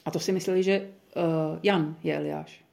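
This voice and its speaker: A woman's voice: lowish voice, steady tone, creaky, a little mellow. A woman leading a small group Bible study, thinking aloud in a chatty way with many fillers and restarts.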